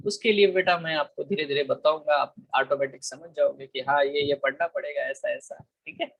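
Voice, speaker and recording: A man's voice: fairly high pitch, a little fast, gravelly, a bit bright, slightly rough, poor audio. Indian man teaching biology online. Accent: Indian English. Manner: mixes Hindi and English, calls students beta; asks the class frequent check questions. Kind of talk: online class lecture.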